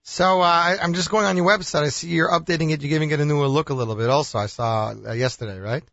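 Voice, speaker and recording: A man's voice: fairly high pitch, fast, a bit bright, no echo, muffled recording. A man hosting a radio interview, asking questions conversationally and chiming in with short acknowledgments. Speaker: radio host.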